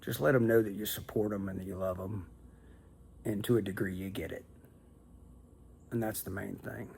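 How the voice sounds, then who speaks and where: A middle-aged man talking casually to camera in a calm, unhurried, folksy way, like a plain-spoken motivational teacher. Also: fairly low pitch, gravelly. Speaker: video host and teacher. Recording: some background noise.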